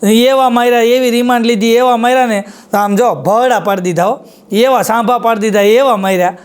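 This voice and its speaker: High-voiced Kathiyawadi stand-up comedian. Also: male voice, clear, resonant tone. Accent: Kathiyawadi Gujarati. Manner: rapid storytelling with many quoted voices and repeated punchlines. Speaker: folk comedian. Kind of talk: live stand-up joke telling.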